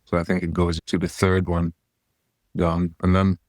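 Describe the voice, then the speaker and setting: Low-voiced man, rambling relaxed answers. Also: moderate pace, no room sound, clean studio sound. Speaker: goregrind vocalist guest. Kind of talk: casual interview chat.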